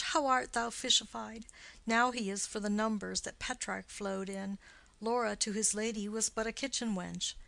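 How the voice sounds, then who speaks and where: A woman's voice: mid-range voice, vocal fry, a bit bright, no echo. A woman voicing a witty, mocking young male nobleman in an audiobook play reading, with teasing, theatrical wordplay.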